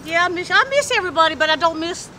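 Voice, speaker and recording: A middle-aged woman chatting candidly in a street interview, animated and talkative, in an outdoor parking lot. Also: extremely high pitch, fast talker, rough recording. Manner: animated, chatty, acts out quoted voices. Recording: street noise in the background.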